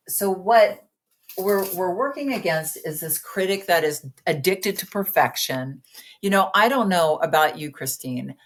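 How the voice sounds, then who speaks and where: A woman in her fifties, a weight-loss coach speaking as a guest in a casual podcast conversation, chatty and earnest. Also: fairly low pitch. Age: 50s.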